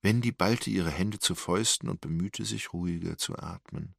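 A man narrating a crime novel in a measured, dramatic storytelling manner. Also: sits low, vocal fry, no room sound, studio quality. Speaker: audiobook narrator.

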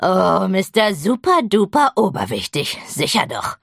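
A sneering, quarrelsome male troll, as a woman puts him on for an audiobook. He mocks and scoffs and swings up and down in pitch. Dry, close sound. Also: sing-song, a little slow, creaky, bright, forceful tone, breathy edge, no echo, heavily acted. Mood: scornful. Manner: mocking and scornful.

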